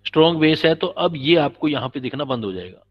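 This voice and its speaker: A man's voice: a little high, lively intonation, fast. A man teaching a chemistry class, patiently explaining and quizzing his students. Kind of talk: classroom lecture. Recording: dull lo-fi recording.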